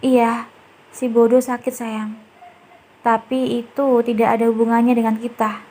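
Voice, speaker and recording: A woman voicing a middle-aged mother-in-law who soothes her tearful daughter-in-law while gently probing her. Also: a little high, level tone, unhurried. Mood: soothing, probing.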